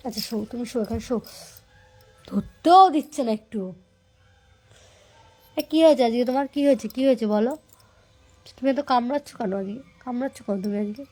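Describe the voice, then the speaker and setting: High-voiced woman coaxing an angry dog. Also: fairly quick, long pauses, darkish tone, soft background music. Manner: soothing and pleading with repeated words. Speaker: pet owner filming her dog. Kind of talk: coaxing talk to a pet.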